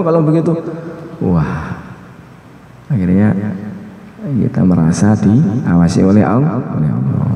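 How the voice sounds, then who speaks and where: Male preacher, conversational and repetitive, mellow tone, long hall echo. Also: mid-range voice. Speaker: religious teacher. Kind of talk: casual Islamic study sermon. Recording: echoey hall with long reverb.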